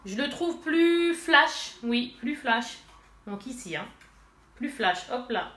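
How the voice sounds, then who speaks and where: Slow-paced and expressive, with a slightly high voice and a sharp tone, a beauty vlogger stuffy from allergies walks viewers through a casual makeup haul and swatches. She addresses them directly and uses many fillers. The room is echoey, with faint noise.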